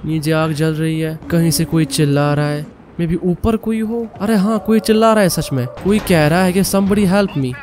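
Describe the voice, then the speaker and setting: A young man commentating a horror game, excitable and swearing, yelling when scared. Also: on the high side, moderate pace. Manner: excitable, swears, yells in panic. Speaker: gaming YouTuber.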